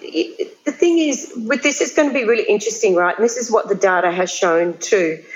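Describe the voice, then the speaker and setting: A woman speaking conversationally as an interview guest, on slightly muffled audio. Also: medium pitch. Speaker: podcast guest, beauty brand merchant.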